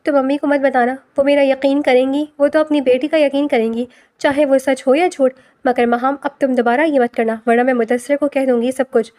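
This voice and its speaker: A woman's voice: sits high, fairly even intonation, darkish tone, lightly acted. A pleading young college girl, read by a woman. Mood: warning. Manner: pleading, tearful. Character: young female student, hurt and pleading.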